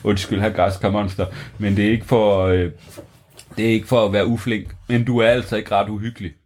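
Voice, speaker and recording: Brief: man playing a fearless boy hero, boastful and defiant, husky, storybook lead. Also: on the low side, little pitch movement, darkish tone, natural voice. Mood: apologetic.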